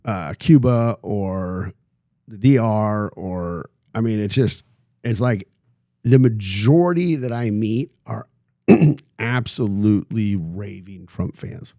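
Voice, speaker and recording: A man's voice: fairly low pitch, slow, warm tone, dry recording, studio quality. A man hosting a casual interview, asking joking, teasing questions. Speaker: podcast host.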